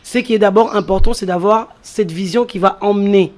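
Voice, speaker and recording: Speaking briskly in a mid-range voice with a darkish tone, this woman grew up in France. As an entrepreneur guest in an interview, she explains things one step at a time and repeats important phrases to stress them.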